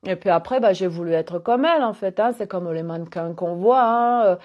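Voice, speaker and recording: A woman's voice: mid-range voice, fairly quick, muffled recording. A middle-aged woman with a southwest French accent from the Gers, a holistic coach talking in a casual spiritual monologue that rambles, full of hesitations and fillers. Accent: Gers, southwest France.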